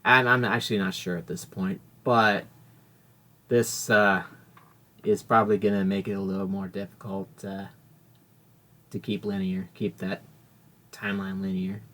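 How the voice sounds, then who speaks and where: A man's voice: sits low, flat delivery, moderate pace, pauses often, sharp tone. A man hosting a casual solo podcast, rambling and correcting himself as he talks. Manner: rambling, self-correcting, chatty. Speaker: podcast host.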